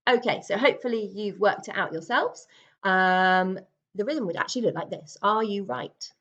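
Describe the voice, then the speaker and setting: A woman's voice: mid-range voice, normal speed, a bit bright, reverberant, dull audio. A woman music teacher giving a patient, encouraging recorder lesson, counting aloud and singing examples.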